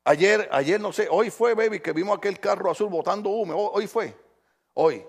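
A man preaching a sermon in church as pastor, animated, firing questions at the congregation and acting out the voices he quotes. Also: sits high, normal speed, gravelly, husky.

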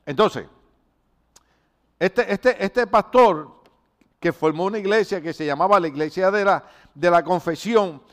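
A middle-aged man from Rico, preaching a conversational sermon in a lively, rambling storytelling way with rhetorical questions. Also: high voice, a little slow, long pauses. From Puerto Rico. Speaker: pastor.

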